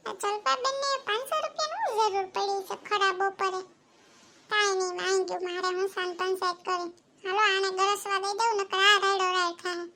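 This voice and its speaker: A woman's voice: very high voice, steady tone, sharp tone, a little hiss or hum, exaggerated voice. A woman voicing a chatty, boastful village housewife in a cartoon, with a Kathiawadi Gujarati accent. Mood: prying. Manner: chatty, boastful, quick-tongued. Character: gossipy village housewife who lends money.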